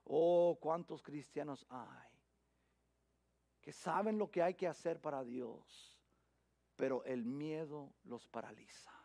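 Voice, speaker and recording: A middle-aged man preaching a sermon, swinging from loud emphasis to a hushed near-whisper, with frequent restarts and repeated words. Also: on the high side, takes it slowly, vocal fry. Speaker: pastor.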